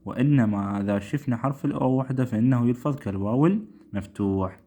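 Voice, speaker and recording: A man with an Iraqi Arabic accent teaching English pronunciation, repeating each word slowly and often asking if it is clear. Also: medium pitch, warm tone. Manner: repeats words slowly, asks rhetorical checks. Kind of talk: classroom-style lesson.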